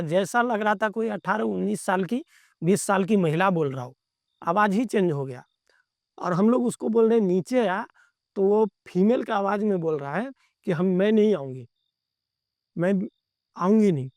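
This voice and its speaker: A man's voice: sits high, no room sound, studio quality. A man telling a story from his own life as a podcast guest, in a casual, conversational way, often repeating his phrases. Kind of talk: casual first-person storytelling.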